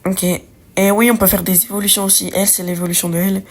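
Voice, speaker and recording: A woman's voice: medium pitch, little pitch movement, fast talker. A young woman chatting casually while she plays a card game, thinking aloud in slang and correcting herself as she goes. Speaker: gaming video creator. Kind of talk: casual let's-play commentary. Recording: faint music behind.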